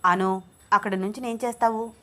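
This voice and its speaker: A woman's voice: mid-range voice, fairly even intonation, normal speed, bright, forceful tone, lightly acted. Woman reading as a teasing young husband. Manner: teasing, coaxing, calls his wife babe. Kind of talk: storybook reading.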